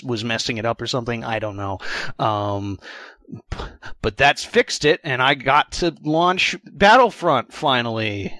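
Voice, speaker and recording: A man's voice: medium pitch, sharp tone, no room sound. A man co-hosting a casual gaming podcast, wry and teasing, rambling through stories. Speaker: podcast co-host.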